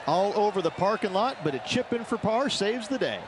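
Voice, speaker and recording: Male golf colour commentator, slightly high voice, punchy short remarks, noisy crowd ambience. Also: expressive, brisk. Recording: crowd and ambience noise behind.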